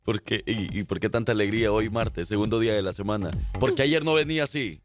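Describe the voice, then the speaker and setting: A man's voice: on the low side, quick pace. A man hosting a morning radio show with upbeat, hyping banter and sing-song calls to listeners. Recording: music bed behind the voice. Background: music.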